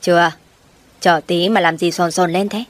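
Figure: a woman reading the lines of a scornful middle-aged stepmother who talks coldly and mockingly. She delivers her lines flatly in an audio story. Her voice is a little low. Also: normal speed, dry recording, natural voice. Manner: cold and mocking.

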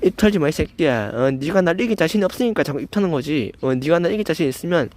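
A man's voice: fairly high pitch, animated, quick pace, a little mellow. Stammering young man ranting angrily. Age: young adult. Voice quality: stammers, slightly slurred pronunciation. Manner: confrontational, swearing, constant filler "eo". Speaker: channel host. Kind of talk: angry rant at a commenter.

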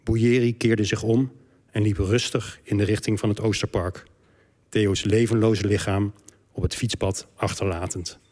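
Low-voiced man reading a passage aloud. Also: flat delivery, a little slow, darkish tone. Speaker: author reading from his biography. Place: debate hall on stage.

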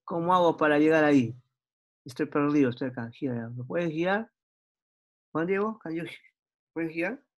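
Guy teaching english, slightly high voice, repeats phrases over and over, patient. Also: expressive, normal speed, pauses often. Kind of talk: online English lesson.

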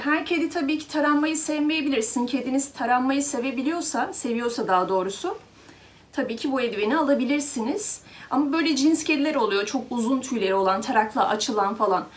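A woman's voice: high-pitched, lively intonation, fast talker. A woman vlogger chatting casually to her viewers as she shows a pet grooming glove and talks to her cat. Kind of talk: casual product demo to viewers.

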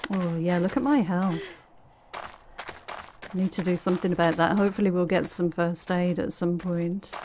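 A woman's voice: on the low side, normal speed, noisy background. Chatty woman narrating her gameplay. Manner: chatty, thinking aloud with fillers and dry asides. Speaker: let's play gamer. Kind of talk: casual game commentary.

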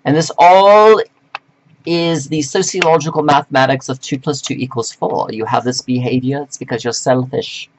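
A man delivering a slow, preachy, scolding monologue to men, reading from notes with sudden jumps in pitch. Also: fairly even intonation, noisy background. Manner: reads from notes. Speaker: self-styled life coach addressing men. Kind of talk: lecturing monologue to camera.

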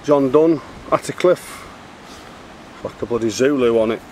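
A middle-aged man, an amateur bottle digger, shows off his finds on a handheld camera at a wooded dig site, chatting casually and bluntly. His mid-range voice is a little mellow and moves at a measured pace. The camera mic picks him up clearly, with outdoor background noise around him.

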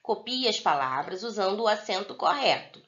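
A Brazilian woman teaching young pupils in a recorded video lesson, slowly spelling out words for the children. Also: mid-range voice, lively intonation, a bit bright, lo-fi sound. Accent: Brazilian Portuguese. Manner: slow, drawn-out word-by-word dictation for young pupils. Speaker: primary school teacher.

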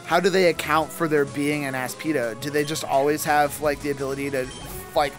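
A man's voice: fairly high pitch, fairly even intonation, brisk, music in the background. A young man co-hosting a game video in a laid-back, wry way. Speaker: let's play co-host. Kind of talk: casual gameplay commentary.

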